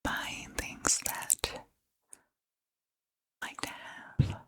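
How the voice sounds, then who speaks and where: Speaking in a chatty ASMR style, a woman whispers soft and breathy into a close ear-to-ear stereo microphone. Her delivery is slow and halting, with short phrases separated by long pauses.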